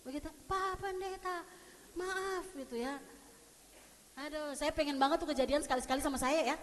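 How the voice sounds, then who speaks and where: A woman's voice: high-pitched, steady tone, quick pace. A woman pastor preaching a sermon in a conversational, humorous way, often asking the congregation questions. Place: church sanctuary. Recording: long church hall reverb.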